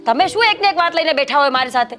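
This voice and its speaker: An actress with a Gujarati accent playing a hot-tempered young wife who scolds and complains. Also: female voice, high-pitched, animated, racing. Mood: lecturing. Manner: sharp, sulky and scolding. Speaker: young wife in a family drama. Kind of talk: Gujarati family drama acting.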